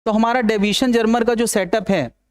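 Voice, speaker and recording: Brisk and clear, with a resonant tone and a steady delivery, a high-voiced man gives a casual physics lecture in a dry, studio-quality recording. He jokes with students, calls them "yaar," and keeps asking and answering his own questions.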